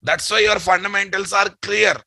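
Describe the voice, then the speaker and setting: A man's voice: sits high, fairly even intonation, moderate pace, vocal fry, pushed and bright, dry recording, clean studio sound. A man with a Telugu Indian accent teaching a live technical class, bluntly questioning his students and repeating key phrases. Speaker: programming instructor.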